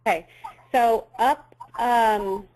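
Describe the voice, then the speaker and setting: A woman on a conference call patiently talking a colleague through the software, step by step. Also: fairly high pitch, drawn-out words, slight background noise, poor audio. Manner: patient, guiding. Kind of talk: casual step-by-step tech help. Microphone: conference call phone line.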